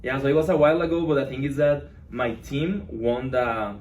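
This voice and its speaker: A man's voice: mid-range voice, normal speed, a little mellow. Young man hosting an interview. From Mexico. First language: Spanish. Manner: eager, restarts his sentences. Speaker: podcast host. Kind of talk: casual interview. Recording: roomy echo, distant mic.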